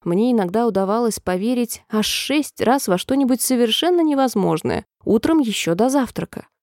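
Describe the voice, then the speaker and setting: A woman's voice: on the high side, moderate pace, dry recording, studio quality. A woman reading a storybook, voicing a fretful, whimpering old queen who breaks into squealing cries. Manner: wailing, squealing cries, then oddly calm.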